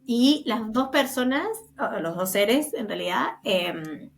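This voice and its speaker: A woman's voice: fairly high pitch, animated, slow, creaky, a little hiss or hum. An Argentine woman, a guest medium in a casual interview, telling stories animatedly and acting out the voices of the people she quotes, laughing now and then. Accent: Argentine Spanish.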